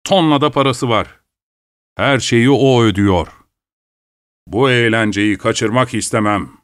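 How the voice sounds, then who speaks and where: A man's voice: mid-range voice, measured pace, dry recording, studio quality, natural voice. A man reading aloud and voicing a sick, hard-drinking young man who talks in a boastful drawl. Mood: chatty.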